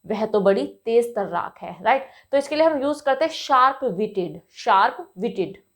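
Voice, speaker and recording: Patient woman English teacher, fairly high voice. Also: expressive, fairly bright tone. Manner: explains patiently, checks with "right?" often; says English example sentences slowly and carefully. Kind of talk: explaining vocabulary lesson.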